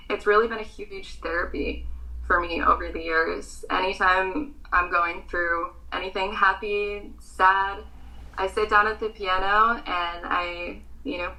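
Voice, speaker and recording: An American woman in her twenties, a pageant contestant, answers interview questions earnestly with lots of ums. Her voice is fairly low and sharp in tone, heard through a low-quality recording.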